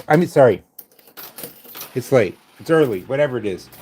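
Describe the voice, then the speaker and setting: A man's voice: mid-range voice, expressive, moderate pace, warm tone, slight background noise. Wisecracking older man chatting to viewers. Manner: dry, wisecracking asides to viewers. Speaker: live-stream host. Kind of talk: casual live-stream chat.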